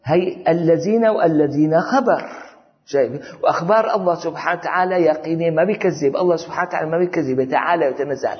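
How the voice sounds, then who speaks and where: A man's voice: fairly high pitch, fast. A man giving an informal religious lesson, talking conversationally and often checking that listeners follow. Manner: conversational, often asks "you see?". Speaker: religious teacher. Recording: dull audio with long hall reverb.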